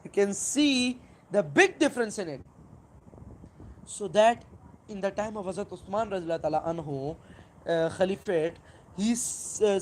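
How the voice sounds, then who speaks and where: Halting Pakistani-accented live streamer, emphatic in bursts. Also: mid-range voice, darkish tone. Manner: halting, repetitive, with searching pauses and emphatic bursts. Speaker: live stream host replying to a viewer. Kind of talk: unscripted religious argument to viewers.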